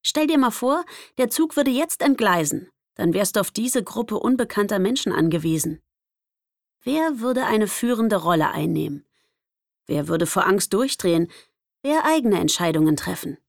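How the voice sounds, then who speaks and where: A young woman narrating a first-person audiobook in a lively, expressive way. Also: medium pitch, moderate pace, gravelly, no room sound, clean studio sound.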